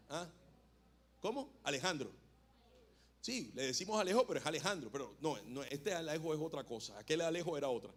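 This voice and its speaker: Male pastor, fairly high voice, sermon, chatty, playful with the congregation. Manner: conversational, jokes with the congregation. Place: church hall.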